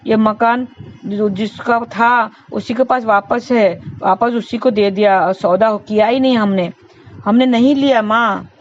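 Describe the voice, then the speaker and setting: A woman voicing a calm grown elder son who patiently explains and repeats himself, in a dull lo-fi recording with faint hiss. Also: a little high, measured pace, close to an everyday voice. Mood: reassuring.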